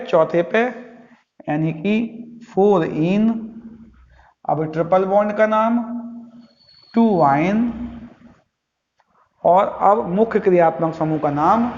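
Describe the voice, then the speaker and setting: A male chemistry teacher giving a classroom lecture, asking his students questions and answering them himself in a patient, drilling way. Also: sits high. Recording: echoey, dull lo-fi recording.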